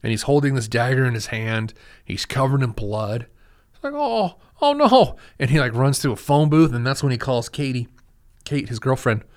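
A man's voice: mid-range voice, steady tone, normal speed, darkish tone. Rambling man recapping a movie. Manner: rambling, many restarts and fillers, enthusiastic. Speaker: podcast host. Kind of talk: casual film recap.

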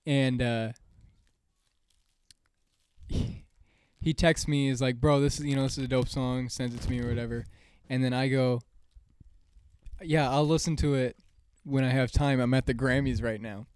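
A young man co-hosting a casual podcast, running down lists and telling stories in a relaxed way. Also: medium pitch, moderate pace, long pauses, clear, resonant tone, dry recording. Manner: relaxed storytelling, runs down lists. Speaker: podcast co-host.

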